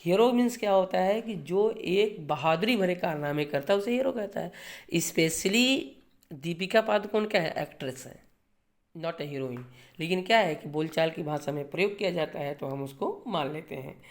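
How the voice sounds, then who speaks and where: A man's voice: sits high, lively intonation, normal speed. A man teaching English grammar in a lecture style. He keeps asking rhetorical questions and answering them himself, checks in with his listeners and repeats key points for exams. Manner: mixes English grammar terms into Hindi.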